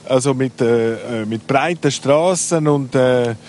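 A man from Glarus with a local Swiss German accent, answering interview questions outdoors, hesitant and full of pauses. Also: medium pitch, darkish tone, slight background noise. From Glarus, Switzerland. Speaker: local guide. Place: outdoors in a town.

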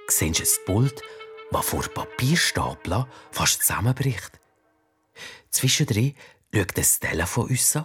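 A man narrating a children's audiobook, slow and expressive. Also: lowish voice. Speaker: storyteller.

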